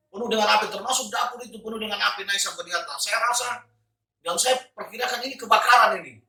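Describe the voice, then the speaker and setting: A man's voice: high voice, fairly even intonation, fast talker, vocal fry, sharp tone. A man sharing a personal religious testimony, in an earnest manner with fillers and restarts. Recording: echoey room, distant mic.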